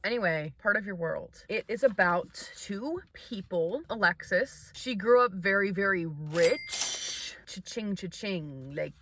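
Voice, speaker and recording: A young woman talking casually about books in a reading vlog, chatty and expressive, laughing often, sounding tired. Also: mid-range voice, unhurried, slight background noise. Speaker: book vlogger.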